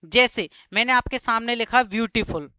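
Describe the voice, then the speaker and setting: A man leads a live grammar class in a bright, clear, smooth voice, recorded dry with almost no room sound. He checks in with the students again and again. He lingers on each example word so it sinks in. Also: extremely high pitch, dry recording. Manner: keeps asking students quick check questions; repeats key words slowly for emphasis. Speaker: English grammar teacher.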